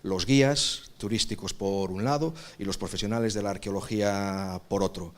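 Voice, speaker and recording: A man from Galicia, answering questions at a workshop panel in a measured way, often pausing to find his words. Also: lowish voice. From Galicia, Spain. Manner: measured, searching for words, frequent pauses. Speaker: workshop presenter, archaeological park director.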